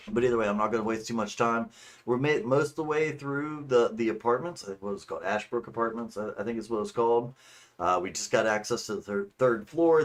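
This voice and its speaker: A man with a fairly low voice talks casually to his livestream viewers as a gaming host. His delivery is informal, rambling and a little crude. The microphone gives him a tinny, faintly echoing sound from an untreated room. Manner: informal, rambling, mildly profane. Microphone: streaming microphone. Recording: tinny, slightly echoing streaming mic.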